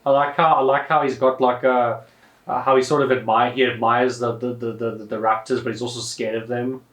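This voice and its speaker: A man's voice: mid-range voice, flat delivery, a little fast, fairly bright tone. A man co-hosting a podcast, talking eagerly about a film and often repeating words as he restarts. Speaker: podcast co-host. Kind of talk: casual film discussion. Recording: echoey room.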